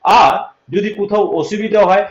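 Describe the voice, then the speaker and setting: A man's voice: sits high, level tone, normal speed. A man teaching a livestream lesson, explaining step by step, repeating points and checking that students understand. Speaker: English teacher. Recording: echoey room, dull lo-fi sound.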